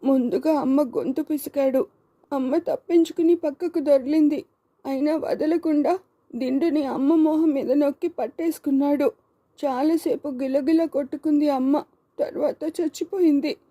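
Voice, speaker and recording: A woman voicing a grieving eight-year-old boy witness who is crying as he speaks, halting and tearful. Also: high-pitched, fairly even intonation, warm tone, dry recording, voice pushed up, natural voice. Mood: sobbing. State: crying, sobbing.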